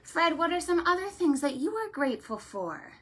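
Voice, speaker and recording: Hosting a children's library storytime, a woman talks to young children in an animated, sing-song, encouraging way, full of check-in questions. She speaks at normal speed in a very high voice, with affectionate, effusive greetings and thanks.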